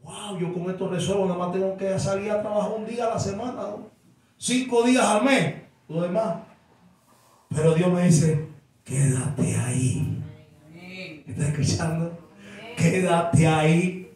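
A male pastor preaching a fiery sermon, swinging between shouted declarations and hushed asides. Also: high voice, moderate pace, recorded from a distance. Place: church sanctuary. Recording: very echoey church hall with faint music.

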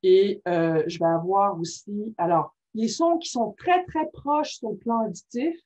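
A woman leads a casual workshop talk and keeps checking that her listeners follow. Her voice is husky and sits at a middle pitch. The recording sounds dull and lo-fi. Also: measured pace. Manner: checks in constantly with "ok?", lively and informal. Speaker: workshop presenter on reading disorders. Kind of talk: conversational teaching talk. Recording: muffled lo-fi recording.

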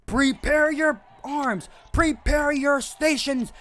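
A young man hyping up a game match like an arena announcer, theatrical and booming, over a voice chat. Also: slow pace, fairly bright tone. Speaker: event announcer. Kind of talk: mock-grand arena announcing.

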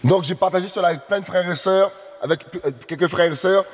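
Male preacher, high voice, exclamatory, repetitive, shouted appeals, long reverb, faint music behind. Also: fast talker. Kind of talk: live-streamed sermon.

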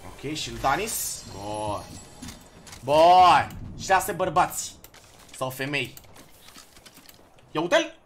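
A young man streaming a video game live, talking to his chat in bursts and shouting at opponents. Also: a little high, sing-song, long pauses. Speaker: gaming streamer. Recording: noisy background.

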